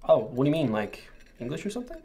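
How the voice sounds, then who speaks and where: A man's voice: mid-range voice, big pitch swings, dark tone. A young man playing an awkward, hesitant date in a naturalistic short film, recorded at a distance with some room noise and cutlery. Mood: awkward, guarded. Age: young adult. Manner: halting, hesitant. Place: indoor dining table.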